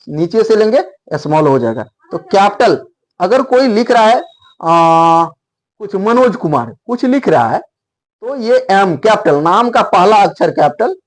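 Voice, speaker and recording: A man teaching English grammar in Hindi, explaining patiently and repeating key points with emphasis. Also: sits high. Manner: repetitive, emphatic teaching, spells out letters.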